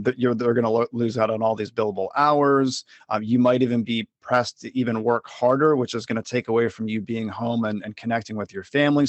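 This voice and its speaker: A male podcast host at a middle pitch sums up his guest's story back to him. He speaks plainly, and the recording sounds dry with no room around it. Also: no room sound, muffled recording. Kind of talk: interview podcast.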